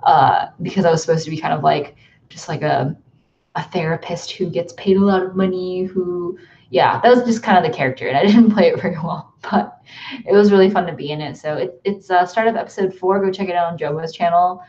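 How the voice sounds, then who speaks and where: A young American woman chats casually to her viewers from her bedroom, drifting from thought to thought with plenty of ums and likes. Her voice sits a little low for a woman, and the audio comes through slightly dull and lo-fi. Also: fairly quick, warm tone. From United States. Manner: chatty, rambling, many ums and likes. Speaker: YouTuber hosting a livestream. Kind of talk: casual livestream chat. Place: bedroom at home.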